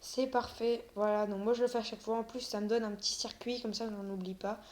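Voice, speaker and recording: A woman's voice: a little high, steady tone, quick pace, a little mellow. Woman stammering through game commentary. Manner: stammers often; hesitant, many fillers. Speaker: gaming video creator. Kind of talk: casual gameplay commentary.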